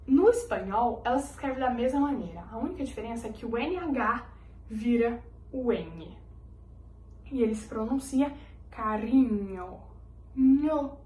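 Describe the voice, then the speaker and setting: A woman's voice: on the high side, expressive, moderate pace, a little mellow. A woman teaching a language lesson, patiently repeating each letter so students can copy it. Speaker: Spanish teacher. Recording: roomy echoey recording.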